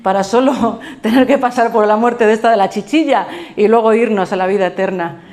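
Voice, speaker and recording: A middle-aged woman pastor with a Spain Spanish accent, preaching a sermon in an animated storytelling way, acting out quotes and laughing as she goes. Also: a little high, a little fast, roomy sound.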